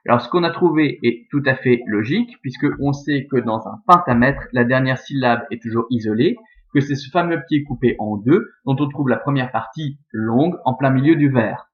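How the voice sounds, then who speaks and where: A man's voice: mid-range voice, moderate pace. A male teacher talks through a recorded lesson on Latin verse, patient and methodical as he takes each step in turn. His voice sits in an ordinary middle register. The recording is dull and lo-fi. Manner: methodical, explains step by step with fillers like "hein" and "euh". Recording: dull, lo-fi sound.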